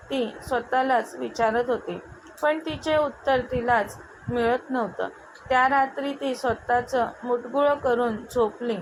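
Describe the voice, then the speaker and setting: Woman reading a story, fairly high. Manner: steady, even reading. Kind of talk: scripted story narration. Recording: noticeable background noise.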